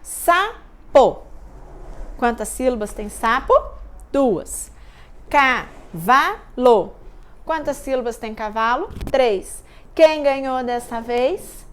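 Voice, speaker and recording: A woman teacher speaks to young children in a high, bright-pitched voice. She takes her time, drawing words out syllable by syllable in a gentle sing-song. It is a patient classroom recap for little ones. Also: slow, clean tone.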